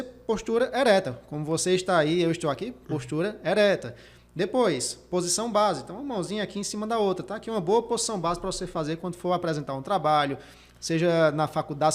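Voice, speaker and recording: Fast, high-voiced emphatic Brazilian podcast host. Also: male voice. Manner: emphatic, repeats key points, demonstrates vocal techniques. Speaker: career coach and podcast host. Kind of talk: motivational podcast talk.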